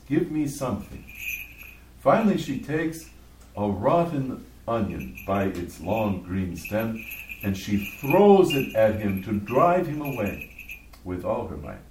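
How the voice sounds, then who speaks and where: A man, a bishop, telling a story in a sermon with deliberate, animated delivery. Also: on the low side, a little hiss or hum. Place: church. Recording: echoey church from far off.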